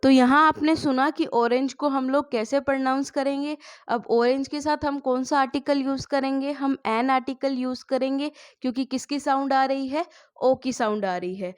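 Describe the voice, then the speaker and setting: A woman's voice: sits high, steady tone, normal speed. A woman teaching a spoken English lesson, asking the class questions and answering them herself.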